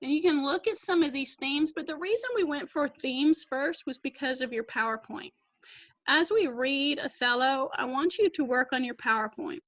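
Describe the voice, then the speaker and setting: Woman teacher, high voice, bright and crisp, dry lo-fi video call sound. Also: moderate pace, no room sound. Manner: explains patiently, reads quotes aloud. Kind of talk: online class lesson. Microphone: laptop mic on video call. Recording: dull lo-fi video call audio.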